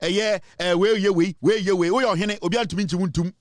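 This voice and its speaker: A Ghanaian man giving a forceful, insistent monologue as a political commentator. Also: high voice, fairly even intonation, fast talker, no echo, clean studio sound. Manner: forceful, insistent, mixes English and Twi. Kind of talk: impassioned monologue.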